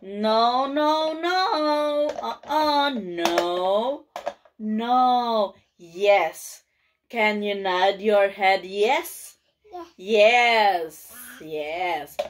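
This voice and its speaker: A woman's voice: medium pitch, drawn-out words, slight background noise. A woman talking to a toddler in simple, repeated, encouraging phrases as she teaches shapes, colors and short sentences.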